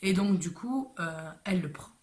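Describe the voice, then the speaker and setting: A woman's voice: fairly low pitch, lively intonation, normal speed, a little mellow. A woman telling a personal story to camera in a casual way, hesitant with many fillers and restarts.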